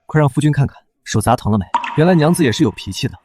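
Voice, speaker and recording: A man's voice: mid-range voice, lively intonation, background noise, natural voice. An actor playing a young husband who hides his martial power and dotes on his wife. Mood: doting. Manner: doting, teasing, quick. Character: young hidden master, doting and playful husband. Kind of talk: short drama acting.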